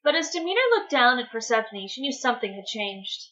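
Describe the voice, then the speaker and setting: Woman storyteller, bright, expressive measured narration, dull lo-fi recording. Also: on the high side. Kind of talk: dramatic story reading.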